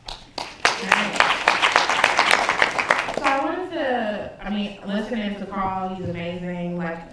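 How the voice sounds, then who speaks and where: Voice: medium pitch, slow, a loud crowd, very noisy. A panel moderator asking questions casually and with curiosity in a large hall. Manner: casual, inquisitive. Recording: echoey hall, from far off.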